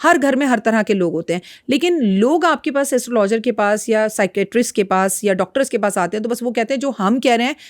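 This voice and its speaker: A woman's voice: a little high, quick pace, hardly any pauses, dry recording, studio quality. A woman astrologer speaking as a podcast guest, frank and lecturing in a blunt, outspoken way. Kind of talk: podcast interview talk.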